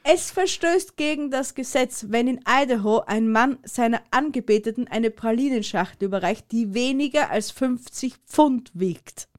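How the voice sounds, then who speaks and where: A woman's voice: fairly high pitch, moderate pace, few pauses. A woman co-hosting a casual comedy podcast, playful and teasing, laughing a lot. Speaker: podcast co-host.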